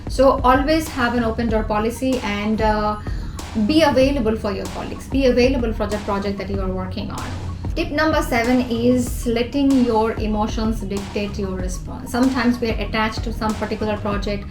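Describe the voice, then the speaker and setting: A woman's voice: fairly high pitch, brisk. A woman from Bangladesh with a Bangladeshi English accent, earnestly explaining numbered tips with everyday examples in a talking-to-camera advice vlog. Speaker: youth organisation president and vlog host. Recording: echoey room with music behind.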